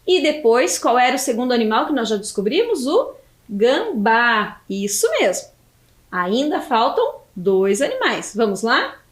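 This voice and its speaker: A Brazilian Portuguese woman teaches young children in a video lesson. Her voice sits high and swoops up and down a lot, and she draws words out syllable by syllable. It sounds like a roomy, echoey space. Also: sing-song. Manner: slow, stretched syllables when spelling out words. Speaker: primary school teacher.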